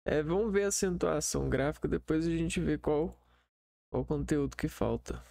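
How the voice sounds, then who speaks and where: A man teaching an online lesson over a shared screen, in a slow, hesitant way full of fillers. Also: a little high, creaky, mellow, no echo, clean studio sound.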